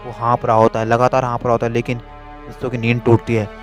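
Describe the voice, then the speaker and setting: A man narrating a spooky story in a hurried, repetitive way. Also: medium pitch, monotone, faint music behind.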